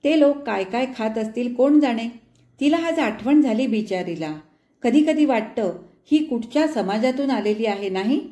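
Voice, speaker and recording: A kindly middle-aged mother speaks in a thoughtful, musing tone, as a woman narrator reads her part. The voice sits a little high, and the recording has a roomy echo around it. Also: expressive, normal speed, mellow, close to an everyday voice.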